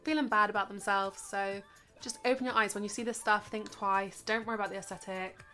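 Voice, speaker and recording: A young woman co-hosts a podcast, sounding sleepy as she rambles casually with plenty of fillers. Her voice sits at an ordinary middle pitch for a woman. Soft music plays faintly in the background. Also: steady tone, brisk. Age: young adult. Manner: chatty, rambling with many fillers. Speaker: podcast co-host. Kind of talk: casual chat.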